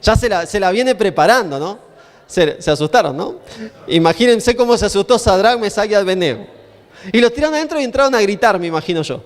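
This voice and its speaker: A man preaching a lively, joking sermon, often asking his audience questions. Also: high voice, brisk. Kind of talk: humorous storytelling sermon. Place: conference hall. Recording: long reverb in a conference hall.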